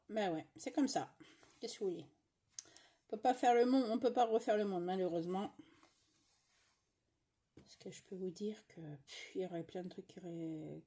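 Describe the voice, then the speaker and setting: A woman's voice: fairly low pitch, dark tone, slightly rough. A middle-aged woman from France chatting casually while she stitches, grumbling and rambling with many fillers and asides, recorded at home. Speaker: cross-stitch vlogger.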